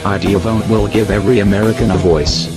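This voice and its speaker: A man's voice disguised to sound very low, reading a scripted warning in a solemn, measured way. Loud music plays under him throughout. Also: fairly even intonation. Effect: voice disguised to sound deep. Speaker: masked group spokesman. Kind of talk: scripted statement.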